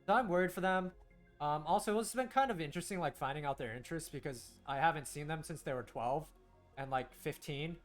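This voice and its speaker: Faint music plays behind this young man as he streams a game, talking fairly quickly in a fairly high voice. Korean was his first language, though he grew up in the United States, and his casual chat with viewers rambles with frequent restarts.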